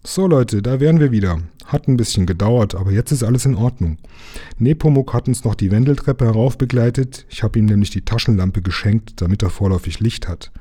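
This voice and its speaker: A man voicing a burly, good-natured engine driver who talks in a gruff, grumbling way. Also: lowish voice, fairly even intonation, fairly quick, few pauses, mellow. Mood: cheerful.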